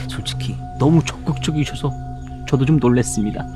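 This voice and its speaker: An actor playing a smooth-talking, deferential middle-aged resort developer, polite and hesitant, in a web drama. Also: male voice, mid-range voice, normal speed, over music, close to an everyday voice. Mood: sly, flattering. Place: outdoors in the countryside.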